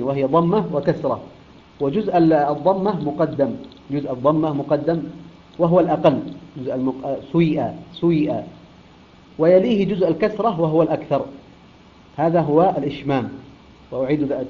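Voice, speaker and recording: Deliberate male recitation teacher, lo-fi. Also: fairly high pitch. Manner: deliberate, hesitant, with frequent restarts and filler sounds; demonstrates pronunciation by repeating words slowly. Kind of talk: recitation lesson. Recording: dull lo-fi recording.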